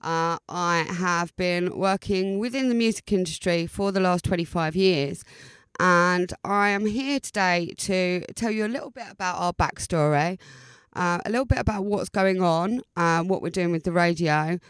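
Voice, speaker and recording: A woman from Essex, with the local accent, hosts an informal podcast monologue. Her voice is clean and smooth, sitting a little low, in a very dry recording. She chats hesitantly, repeating words to underline them. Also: normal speed, no room sound. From Essex, England. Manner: chatty, hesitant, often repeating words for emphasis. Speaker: podcast host.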